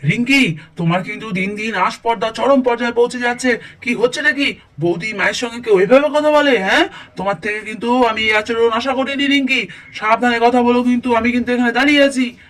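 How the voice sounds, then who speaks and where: A man voicing a quick-tempered young husband in a cartoon story who blusters and issues warnings. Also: extremely high pitch, fairly bright tone, far from the mic. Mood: blustering.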